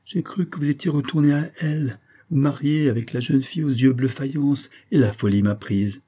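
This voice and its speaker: A man voicing a heartbroken young woman in a read-aloud story, speaking softly and tremulously. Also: medium pitch, moderate pace, voice pushed up, natural voice. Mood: remorseful. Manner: soft, trembling, sighing.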